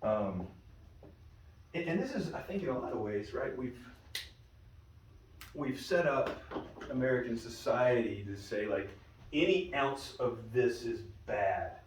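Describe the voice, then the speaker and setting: A man's voice: mid-range voice, animated, measured pace, long pauses, slight background noise. Man teaching a Bible study, roomy and distant. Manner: conversational storyteller, frequent restarts. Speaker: pastor leading a Bible study. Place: church meeting room. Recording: roomy room, mic at a distance.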